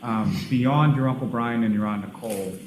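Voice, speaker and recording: Halting male lawyer in echoey courtroom. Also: mid-range voice. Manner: halting, wordy, formal. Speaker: prosecuting lawyer. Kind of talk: courtroom questioning. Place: large indoor courtroom. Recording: echoey, noisy courtroom feed.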